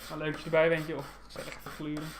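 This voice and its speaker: A man with a slightly high voice chats casually as a hobby painter. He comments informally on what he is doing. The room is clearly echoey, with faint noise. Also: completely flat delivery, rapid-fire. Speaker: hobby painter following a tutorial. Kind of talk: casual chat while painting along. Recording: roomy, slightly noisy home recording.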